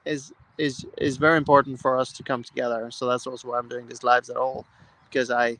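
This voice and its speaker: A man's voice: mid-range voice, level tone, brisk, a bit bright, low-quality recording. A man from Norway hosting a casual live stream, talking with enthusiasm in loose, rambling sentences full of restarts. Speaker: host. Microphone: live-stream mic.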